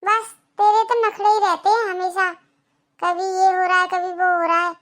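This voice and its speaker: A woman's voice: very high voice, level tone, moderate pace, a bit bright. Woman voicing a harsh scolding old mother-in-law. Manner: scolding, contemptuous, bossy. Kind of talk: Hindi cartoon voice acting.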